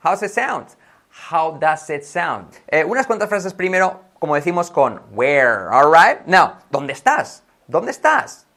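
A man's voice: fairly high pitch, very animated, slow pace, fairly bright tone. A man from Spain with a Spanish accent, an English teacher giving a casual lesson, switching between Spanish and English and repeating words as drills.

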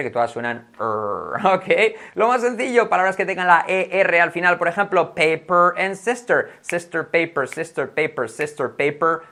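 A man's voice: fairly high pitch, sharp tone. A man from Spain with a Spanish accent, an English teacher giving a casual lesson, switching between Spanish and English and repeating words as drills.

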